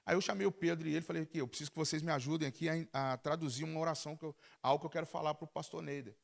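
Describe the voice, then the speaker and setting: Man, pastor, Brazilian Portuguese accent, sermon testimony, animated storyteller, frequent restarts, higher voice. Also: very fast, vocal fry. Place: church service.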